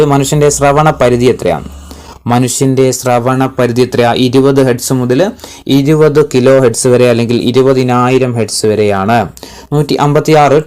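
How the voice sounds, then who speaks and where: A man, a tutor reading exam-prep quiz questions aloud, repeating each one and then giving the answer slowly and with emphasis. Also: mid-range voice, darkish tone.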